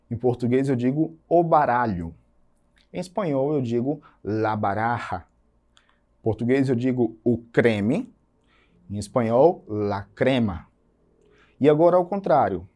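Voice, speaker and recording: A man from Brazil, a teacher giving a recorded lesson, explaining patiently and repeating example words slowly for emphasis. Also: mid-range voice, warm tone.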